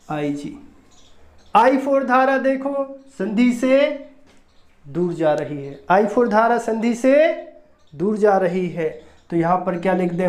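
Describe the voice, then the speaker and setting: A physics teacher giving a recorded lecture, repeating each step and asking quick rhetorical questions to check understanding. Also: medium pitch, darkish tone. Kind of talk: recorded classroom-style lecture. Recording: roomy echo.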